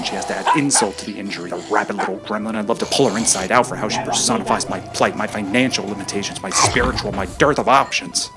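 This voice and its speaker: A man narrating his own documentary in a dry, wry, mock-serious voiceover. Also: fairly low pitch.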